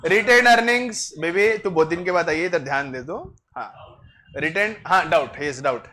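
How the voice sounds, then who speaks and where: A man's voice: fairly high pitch, a little fast, fairly bright tone. A man lecturing a class on finance, joking and bantering with his students. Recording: noisy classroom crowd. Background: students chatting.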